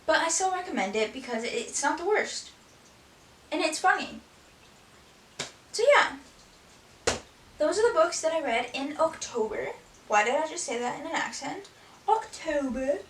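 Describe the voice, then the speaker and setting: A woman talks casually through her recent reads, rambling along with a steady stream of "like." Her voice sits a little high. It reaches the mic from a few steps away in an echoey room, with a faint hiss behind it. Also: moderate pace, pauses often, distant mic. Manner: rambling, frequent "like" fillers. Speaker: book vlogger. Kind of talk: casual book review chat.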